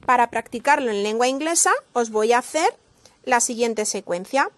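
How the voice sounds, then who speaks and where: A woman's voice: a little high, normal speed, no echo. Woman teacher from Spain, models English words then explains them, dry close recording. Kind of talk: slow pronunciation lesson.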